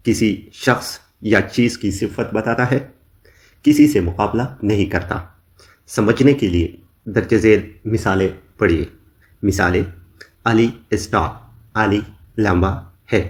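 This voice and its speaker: A man teaching an English grammar lesson in Urdu, slowly dictating each example phrase by phrase. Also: lowish voice. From Pakistan. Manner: slow, deliberate dictation of examples.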